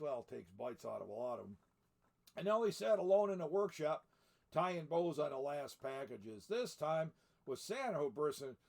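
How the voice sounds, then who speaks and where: Playing Santa Claus, an older man with a rather high, creaky, slightly mellow voice reads a picture book aloud. He sprinkles in folksy, chatty asides along the way.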